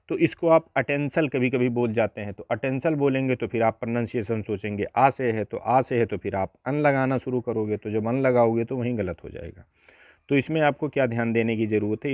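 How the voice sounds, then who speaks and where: A man's voice: mid-range voice, a little mellow, no room sound, studio quality. A man teaching an exam-prep grammar lesson, explaining step by step and often asking rhetorical questions.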